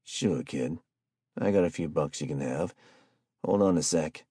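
A man's voice: rumbling low, a little slow, husky, dry recording, clean studio sound, full character voice. Man doing a wary, grieving homeless man. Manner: soft, guarded and plain-spoken.

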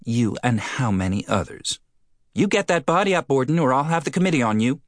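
Brief: man doing a shrill, scolding older frontier postmistress, audiobook, dry close sound. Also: big pitch swings, brisk, no echo, natural voice. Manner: indignant, scolding. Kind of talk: audiobook character voice.

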